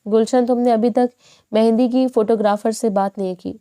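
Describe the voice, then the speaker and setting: A woman voicing a stern, harried middle-aged mother who scolds her daughters in a sharp tone. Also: fairly high pitch, fairly even intonation, clear, resonant tone, close to an everyday voice. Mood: scolding.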